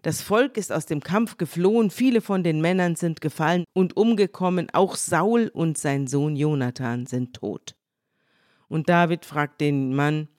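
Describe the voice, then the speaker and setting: An older woman co-hosting a podcast, retelling a Bible story in lively conversation and voicing the quoted lines in her own voice. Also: low-pitched, unhurried, no echo, clean studio sound. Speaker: podcast co-host.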